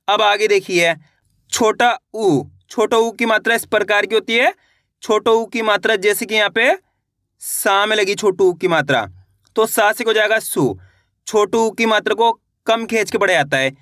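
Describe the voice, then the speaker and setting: A man's voice: high voice, sharp tone, dry recording, clean studio sound. A young man teaching a beginner reading lesson, patiently repeating each question and answering it himself.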